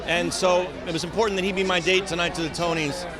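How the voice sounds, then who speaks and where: A man's voice: high-pitched, steady tone, fast talker, rough recording. A man speaking in a red carpet interview. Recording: busy outdoor crowd noise.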